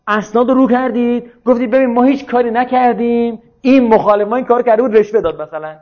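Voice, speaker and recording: High-voiced man arguing in a lecture. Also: muffled recording. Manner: argumentative, checks listeners follow with rhetorical questions. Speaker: speaker on religion and politics. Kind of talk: informal lecture.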